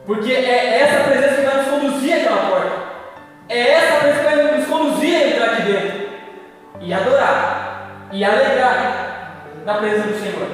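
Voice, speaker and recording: A man's voice: very high voice, moderate pace, long pauses, faint music behind. A man preaching with a Brazilian accent, speaking in a fervent, sing-song cadence to a congregation. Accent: Brazilian Portuguese. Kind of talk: church sermon. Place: large church hall. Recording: echoey hall from far off.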